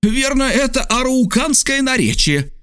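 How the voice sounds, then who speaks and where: A man voicing an excitable, absent-minded French geographer who exclaims and over-enunciates. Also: very high-pitched, clean tone, no room sound, studio quality, voice pushed up, heavily acted. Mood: indignant. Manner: exclaiming, over-enunciating, quick to take offence. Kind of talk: audiobook character voice.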